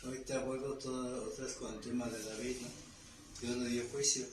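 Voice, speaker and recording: A man in a Bible study class shares earnest, reflective comments in a mid-pitched voice. He sounds distant in an echoey room, with clear noise in the background. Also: little pitch movement, brisk. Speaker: class participant.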